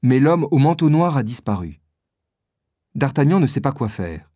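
A man narrating a storybook in a clear, deliberate reading style. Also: mid-range voice, sing-song, warm tone, no echo, studio quality.

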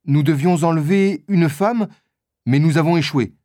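A man's voice: a little high, measured pace, mellow, no echo, close to an everyday voice. Man doing a wounded hired gunman, raised pleading voice, dry close sound. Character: wounded male hired assassin.

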